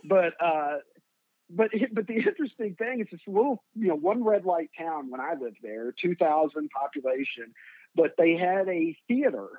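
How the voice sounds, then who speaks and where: A man's voice: a little high, lively intonation, moderate pace, no room sound, narrow, tinny audio. A man with a Kentucky accent telling casual, humorous stories as a podcast guest, self-deprecating and folksy, swearing freely. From Kentucky, United States.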